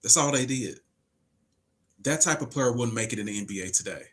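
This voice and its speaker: A podcast host in his forties runs a casual livestream, reading viewer comments aloud and pushing his argument with emphasis and rhetorical questions. His mid-range voice is fairly bright, fairly quick, and lively in intonation.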